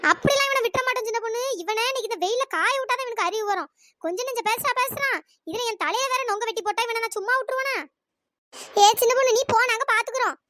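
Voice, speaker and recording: A voice actor playing chattering village women in a cartoon, nagging and teasing. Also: female voice, rapid-fire, sharp tone. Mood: bossy. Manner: nagging, teasing, shrill calls. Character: bickering, greedy village women after palm fruit. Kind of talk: cartoon voice acting.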